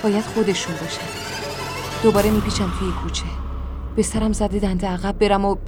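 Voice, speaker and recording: A woman's voice: medium pitch, fairly even intonation. A woman narrating a dramatic first-person story in an emotional voice. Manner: emotional, shifts to screaming anger in dialogue. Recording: music behind.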